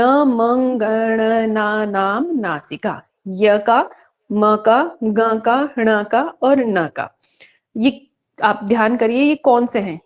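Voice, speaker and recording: A woman gives an online exam-prep lecture in a slightly high voice. She asks questions and answers them herself, and she chants the rule lines slowly. The audio is dull and lo-fi. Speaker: Sanskrit teacher.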